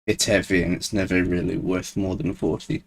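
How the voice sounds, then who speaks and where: A man's voice: low voice, flat delivery, normal speed, vocal fry, a little hiss or hum. A man streaming a game alone, rambling in casual commentary and laughing at himself often. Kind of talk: casual solo gameplay commentary.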